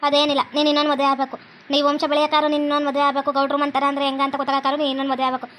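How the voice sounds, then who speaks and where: A woman's voice: high-pitched, completely flat delivery, rapid-fire, fairly bright tone, slight background noise. A woman with a North Karnataka Kannada accent, voicing the women of a home cartoon in a dramatic, scolding way. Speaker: voices all female characters. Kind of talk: cartoon voice acting.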